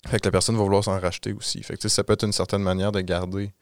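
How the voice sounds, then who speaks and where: Quebec French street worker, low smooth voice, rapid and informal. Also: male voice, level tone, no room sound, studio quality. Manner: fast, informal, peppers with "you know". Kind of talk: casual podcast discussion.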